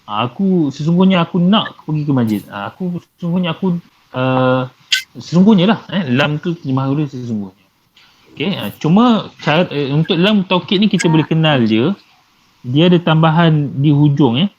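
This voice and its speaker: Male teacher, patient and repetitive, slightly high voice, muffled lo-fi recording. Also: animated, moderate pace. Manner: patient, repeats and translates terms, many fillers. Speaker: Arabic grammar teacher. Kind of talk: live class explanation. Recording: dull lo-fi with faint noise.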